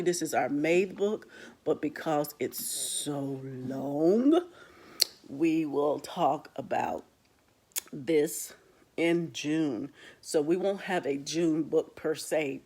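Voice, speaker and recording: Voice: mid-range voice, darkish tone, breathy edge. Chatty, rambling book club host. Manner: chatty, talks straight to viewers as "guys"; loose and rambling, retells stories. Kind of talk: casual book talk to camera.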